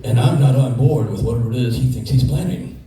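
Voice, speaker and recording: A man's voice: mid-range voice, fast, dark tone, slight background noise. A man telling a comedic story in a profane, exasperated rant, recorded far from the mic in a very echoey room.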